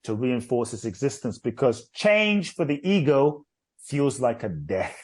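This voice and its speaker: A man's voice: mid-range voice, very animated, a little slow, a little mellow. A man speaking as a guest on a radio show, giving an emphatic motivational talk that repeats phrases in lists.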